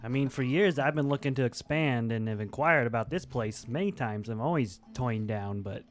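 A man's voice: medium pitch, moderate pace, faint music behind, lightly acted. A man voicing a scornful, grudging dwarf tavern rival in a tabletop game. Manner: sneering, grudging. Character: scowling bald dwarf, disdainful envious rival tavern keeper.

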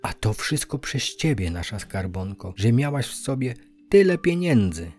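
A man's voice: medium pitch, big pitch swings, normal speed, a little mellow, faint music behind. A man doing an earnest young boy. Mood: happy.

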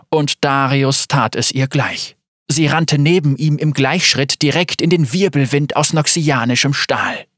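A man narrating a dramatic story in a measured, scripted reading. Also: mid-range voice, a bit bright, no echo, studio quality.

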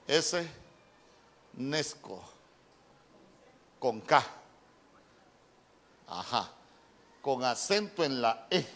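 A male pastor preaching a sermon, slow and deliberate, repeating key words as he teaches from the Bible. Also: medium pitch, big pitch swings, a bit bright. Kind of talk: sermon with Bible word study.

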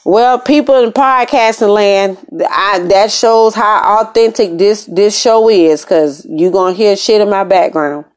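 An American woman with a medium-pitched voice hosts her podcast from a room in an apartment, speaking unhurriedly and with few pauses. The delivery is a casual, conversational motivational monologue, emphatic and full of repeated phrases for emphasis.

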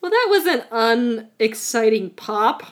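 A woman hosting a podcast from home in casual chat, blunt, bossy and quick to swear. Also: a little high, big pitch swings. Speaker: podcast host.

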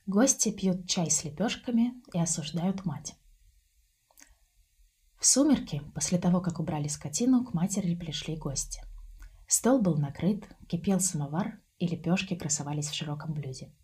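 A woman narrating a storybook with a calm, even reading. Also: fairly low pitch, normal speed, husky. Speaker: audiobook narrator.

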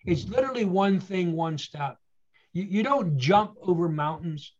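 A man's voice: high-pitched, lively intonation, unhurried, muffled recording. A man telling his story with earnest motivational emphasis. He asks rhetorical questions and repeats key phrases. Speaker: guest speaker.

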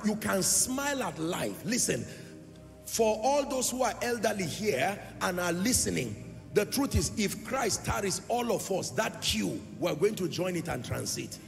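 A man preaching in a large church hall, his high voice carrying a gravelly edge. His phrases swell into a sing-song cadence and jump suddenly louder, and he throws questions back at the congregation. Long reverb trails after each line, with clear music playing underneath. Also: very animated, moderate pace. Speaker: pastor. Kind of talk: sermon.

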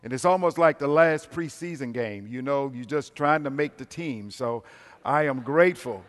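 A man's voice: medium pitch, moderate pace. An older man with an American accent preaching a sermon as a guest at a Sunday service, addressing the congregation directly in a folksy, emphatic way. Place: large indoor worship space. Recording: reverberant hall sound.

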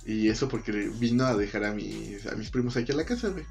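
A man's voice: on the low side, quick pace, creaky, soft background music. A young man with a Mexican Spanish accent, casually telling a story full of profanity and acted-out quotes. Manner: profane, slangy, animated retelling with acted quotes.

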